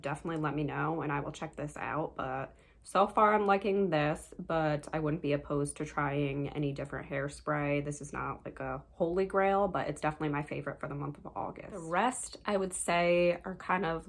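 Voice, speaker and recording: A woman's voice: deep voice, a bit bright. A young woman vlogger casually chatting through her favorite products of the month and recommending them to viewers. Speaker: beauty vlogger.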